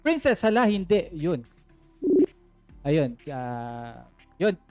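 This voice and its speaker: A male host and judge of a live-streamed singing contest takes phone calls and coaches singers kindly, mixing English phrases into his talk and frequently asking "okay?" His voice is on the high side, sing-song and a little mellow, and he speaks very slowly over soft background music.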